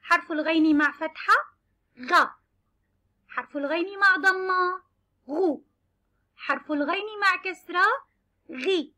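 A woman teaching young children, sounding out letters and words slowly and clearly. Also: very high voice, sharp tone. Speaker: kindergarten teacher. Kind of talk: children's lesson.

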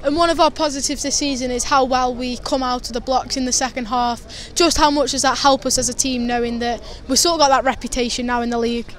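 A man's voice: very high voice, fairly even intonation, fairly quick, hardly any pauses, a bit bright. A teenage boy interviewing footballers outdoors at a stadium with a handheld mic, asking eager prepared questions. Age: teens. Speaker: fan interviewer. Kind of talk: post-match interview.

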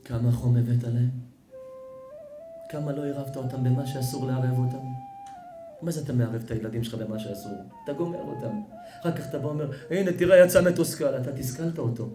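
A man, a rabbi, giving an emotional sermon, swinging between loud outbursts and hushed storytelling. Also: medium pitch, huge pitch swings. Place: synagogue or event hall. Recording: echoey hall with music behind.

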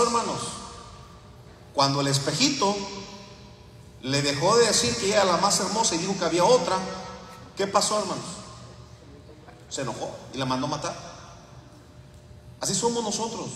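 A man's voice: sits high, fairly bright tone, a little hiss or hum. A man preaching a sermon as pastor, mixing folksy stories with fervent appeals. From Latin America. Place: church sanctuary. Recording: echoey church hall, mic far off.

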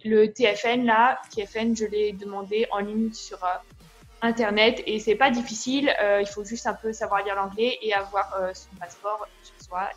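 A young French woman being interviewed about her au pair job, talking in a relaxed, hesitant way with many fillers. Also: medium pitch, normal speed, faint music behind, low-quality recording. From France. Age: young adult. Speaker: guest, au pair. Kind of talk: casual interview.

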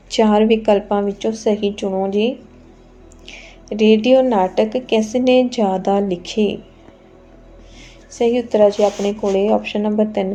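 A woman's voice: medium pitch, mellow, slight background noise. A woman, teaching an exam quiz lesson, reading out each question and its options and then giving the answer politely and patiently.

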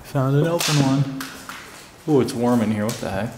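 A man's voice: medium pitch, moderate pace, background noise. A young man hosting a casual exploring video, chatting easily and narrating what he finds as he walks through empty apartments. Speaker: urban explorer host. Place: abandoned housing complex, outdoors and in empty apartments.

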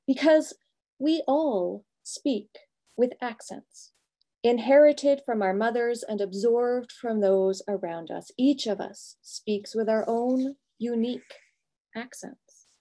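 Speaking over a video call from an indoor home office lined with bookshelves, a middle-aged woman pastor delivers a thoughtful, prepared reflection. Her warm voice is on the high side, and she keeps a measured pace with pauses between phrases.

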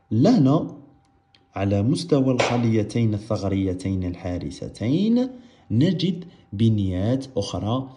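A man with an Algerian Arabic accent explains a biology lesson, asking his students questions, answering them himself, and repeating key terms. His voice is fairly low and warm, and the recording is reverberant.

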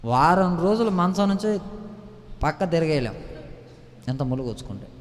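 A man's voice: on the high side, lively intonation, normal speed, in a large hall. A man preaching a fervent sermon, firing questions and calls at his congregation. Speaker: pastor. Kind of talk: impassioned sermon.

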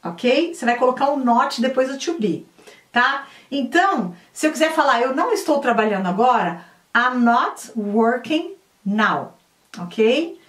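A high-pitched woman teaching a casual lesson, chatty and patient, with slow, careful repetition of example sentences. She sits back from the mic in a room that rings with echo. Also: animated. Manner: chatty, repeats drills slowly. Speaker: English teacher. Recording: echoey room, mic at a distance.

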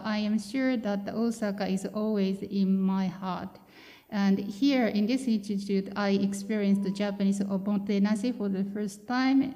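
A woman interpreting a speech into English, steady with filler pauses. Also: mid-range voice. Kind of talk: consecutive interpreting. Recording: reverberant hall.

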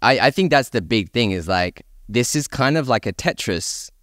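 A man with a medium-pitched, animated voice and a fairly bright tone speaks at normal speed in a studio-quality recording with no room sound. As a podcast panelist discussing films and games, he talks enthusiastically and emphatically in a casual discussion.

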